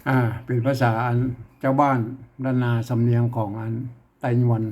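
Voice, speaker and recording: A man with a Northern Thai accent teaching an informal reading lesson, slowly working through an old manuscript, repeating words as he deciphers them and chuckling often. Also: mid-range voice, flat delivery, darkish tone.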